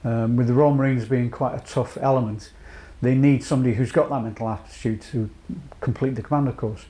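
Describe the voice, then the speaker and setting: A charity chief executive from North Wales, a man in his late fifties, gives a personal testimony to camera that is measured, reflective and full of pauses. His mid-range voice holds a steady, dark tone.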